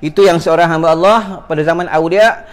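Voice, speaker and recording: A man's voice: fairly high pitch, fairly even intonation, fast talker. A man with a Malaysian Malay accent giving a religious lecture, repeating phrases and calling out to his listeners. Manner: preachy, repeats phrases, addresses audience as tuan-tuan. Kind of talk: sermon.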